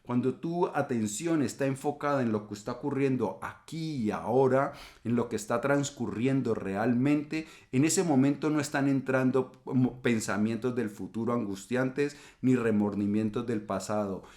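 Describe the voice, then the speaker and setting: A middle-aged man calmly explaining ideas in a reflective talk, now and then acting out quoted remarks. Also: medium pitch, moderate pace. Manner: calm explanatory, acts out quoted insults. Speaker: channel host.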